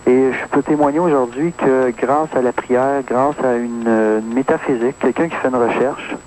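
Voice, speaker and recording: A man in his thirties phones in to the radio with earnest testimony, his Québécois French accent clear and his speech peppered with hesitant fillers. He speaks at a moderate pace in a steady, darkish, mid-range voice. The audio is poor, an AM signal with faint hiss.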